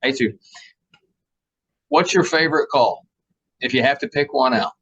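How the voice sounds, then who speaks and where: An easygoing middle-aged male host with an average-pitched voice chats and agrees readily with his guest. His audio is dull and muffled, as if recorded on modest gear. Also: unhurried, fairly bright tone, breathy edge. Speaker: podcast host, square dance caller. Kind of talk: casual interview chat.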